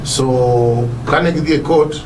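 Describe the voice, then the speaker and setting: A man's voice: mid-range voice, slow pace. A man with a Kenyan Luo accent answering as a political interview guest, switching languages, hesitating and repeating phrases. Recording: distant mic, clearly noisy background.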